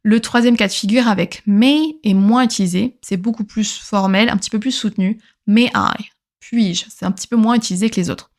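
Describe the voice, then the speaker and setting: A woman's voice: medium pitch, a little fast. A woman from France giving a patient grammar lesson, repeating each example twice and then translating it. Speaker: English teacher.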